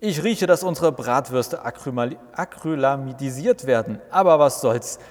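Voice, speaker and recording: A man's voice: mid-range voice, lively intonation, normal speed, lightly acted. A man voicing a cheeky, joking adult male Jesus who teases and announces like a showman, in a reverberant recording. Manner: teasing, showman-like. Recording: long reverb.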